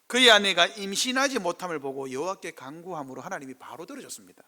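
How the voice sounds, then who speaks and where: Lively Gyeongsang-accented preaching pastor. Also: male voice, high voice, fast talker. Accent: Gyeongsang Korean. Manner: lively preaching, acts out quoted speech in dialect. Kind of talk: sermon.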